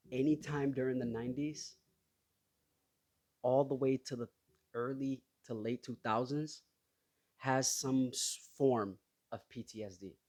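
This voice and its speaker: A man in his thirties from Somalia, hosting his own podcast and talking in a halting, personal way full of restarts. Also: medium pitch, darkish tone. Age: 30s. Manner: hesitant, halting, with many restarts and fillers. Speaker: podcast host. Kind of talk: casual solo podcast talk.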